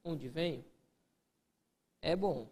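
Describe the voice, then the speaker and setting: A man's voice: a little high, drawn-out words, darkish tone, long reverb tail. A man teaching an exam-prep grammar lesson, posing students' questions to himself and answering them. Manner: answers imagined student questions, peppers speech with "ó".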